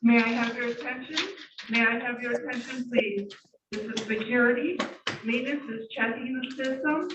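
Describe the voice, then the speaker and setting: Woman's distant echoey loudspeaker announcement. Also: a little high, steady tone, dull audio, noisy background. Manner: formal, measured, repetitive. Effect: public-address loudspeaker announcement. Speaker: security announcer. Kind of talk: repeated building announcement.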